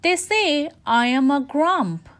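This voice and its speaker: A woman's voice: high voice, lively intonation, slow. A woman voicing a grumpy, complaining young male lobster in a storybook, with a sulky, disgruntled way of talking. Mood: glum.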